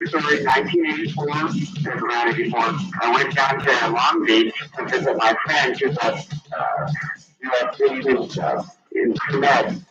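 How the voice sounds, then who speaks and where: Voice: mid-range voice, steady tone, measured pace, far from the mic, over loud music. A caller on a radio phone-in, telling a personal story in a casual, conversational way. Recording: phone call on a radio broadcast.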